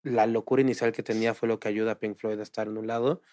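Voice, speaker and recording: A man with a Mexican accent in casual podcast chat, animated and swearing freely. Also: lowish voice, fast talker, dry recording, clean studio sound. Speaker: podcast co-host.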